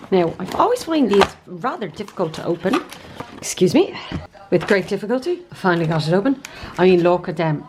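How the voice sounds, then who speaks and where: A woman's voice: medium pitch, background noise. A young Irish woman vlogging at home in a casual, chatty way, feeling under the weather and sniffly, with self-mocking asides. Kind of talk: casual chat to camera. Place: at home indoors.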